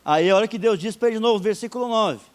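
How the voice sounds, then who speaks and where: A man's voice: high voice, quick pace. A man, a pastor preaching a sermon in a chatty way, with laughing asides and scripture read aloud with rising emphasis.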